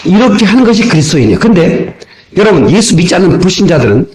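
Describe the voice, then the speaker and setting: A male pastor preaching a sermon in an animated way, acting out little dialogues and raising his voice at times, heard from an old cassette tape recording. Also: high voice, quick pace, low-quality recording. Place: church sanctuary.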